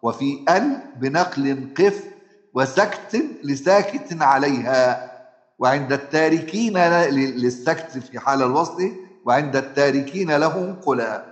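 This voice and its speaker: A man's voice: medium pitch, lively intonation. Egyptian man teaching recitation in an echoey room. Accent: Egyptian Arabic. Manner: asks the class questions and answers them himself; drawn-out chanted examples. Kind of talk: tajweed lesson explaining recitation rules. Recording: roomy echo.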